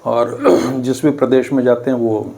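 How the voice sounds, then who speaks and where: Middle-aged male guest from Uttar Pradesh, mellow tone, measured and dryly ironic. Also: mid-range voice, steady tone, slight background noise. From Uttar Pradesh, India. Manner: measured, dryly ironic, clears throat often. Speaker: guest commentator. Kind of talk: political discussion.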